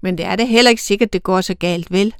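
A woman's voice: mid-range voice, clean tone, no room sound, studio quality, lightly acted. A woman voicing a senior female angel who is stern, irritable and bossy, speaking sharply and curtly. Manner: sharp, commanding, clipped.

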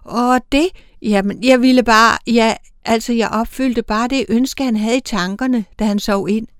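A woman voicing a young, newly-appointed female angel who is tender and timid, speaking softly and pleadingly. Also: fairly high pitch, no echo, studio quality, voice pushed up, natural voice. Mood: stammering. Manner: soft, pleading, often breathy or whispering.

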